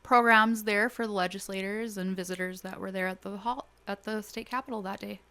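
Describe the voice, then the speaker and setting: A woman's voice: mid-range voice, steady tone, brisk, pushed and bright. A woman, a college instructor, giving an upbeat, cheerful radio interview in a studio. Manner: upbeat, cheerful, answers readily.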